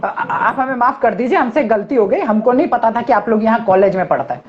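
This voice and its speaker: A man's voice: very high voice, lively intonation, a little fast, slight background noise, voice pushed down. A man voicing an apologetic middle-aged army drill instructor who pleads humbly. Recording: dull lo-fi sound.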